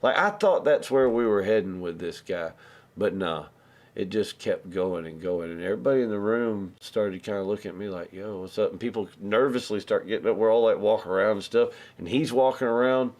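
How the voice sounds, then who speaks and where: Low-voiced man telling a rambling story. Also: brisk, darkish tone. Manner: rambling, loose, with many restarts and acted-out dialogue. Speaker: live stream host. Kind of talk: casual storytelling.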